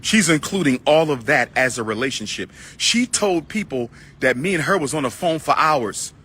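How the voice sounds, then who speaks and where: A middle-aged livestream host preaches and rants heatedly at viewers he addresses as brothers and sisters, then chats with a caller. His voice is fairly high in pitch with lively intonation, a normal pace, and a sharp, slightly rough tone.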